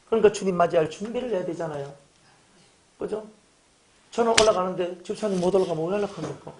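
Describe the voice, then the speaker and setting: Male pastor, high voice, joking sermon, plays out dialogues. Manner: animated, joking, acts out little dialogues. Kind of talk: humorous sermon.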